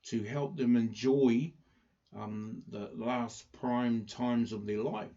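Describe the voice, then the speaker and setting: A man with a Māori New Zealand accent hosting a casual live chat, speaking haltingly with many pauses. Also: medium pitch, steady tone, dark tone. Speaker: livestream host presenting a community project. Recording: dull lo-fi livestream audio.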